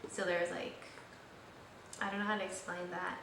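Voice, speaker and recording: A young woman hosts her vlog, chatting casually and rambling with plenty of fillers. Her voice sits fairly low, with a level tone, a moderate pace, and a fairly bright quality. The recording has an echoey room, a slightly distant mic, and faint noise.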